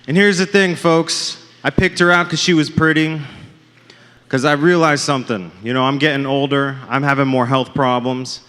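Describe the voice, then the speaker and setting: A man's voice: medium pitch, steady tone, normal speed, a bit bright. A man doing a stand-up set on a comedy club stage, with self-deprecating, punchline-driven jokes, often calling the crowd folks. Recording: live club with long reverb.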